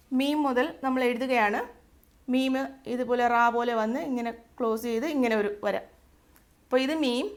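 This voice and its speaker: A woman with a Malayali accent gives a step-by-step alphabet lesson, her voice sitting a little high. She goes slowly and patiently, saying each letter sound twice so learners can copy it. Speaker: Arabic tutor.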